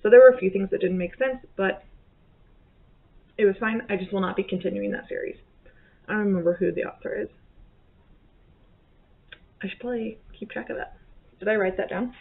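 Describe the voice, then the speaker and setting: Brisk but pausing often, a woman in her thirties with a mid-range voice and vocal fry chats about her month's reading for her book vlog. She rambles and corrects herself indoors at home, in a bedroom or office, with a desk webcam producing a tinny, phone-like sound.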